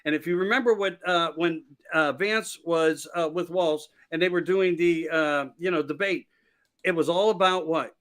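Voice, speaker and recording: Guesting on a podcast, a Pennsylvania man who hosts his own show talks politics in a casual, rambling style, hammering home his main phrases through repetition. His voice is on the high side and fairly bright, at a normal speed.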